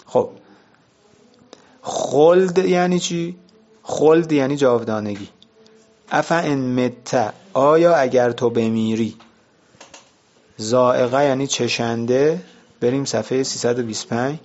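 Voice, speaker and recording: A man's voice: medium pitch, a little mellow, dull audio. A man teaching a vocabulary lesson, explaining words one by one and asking and answering his own questions.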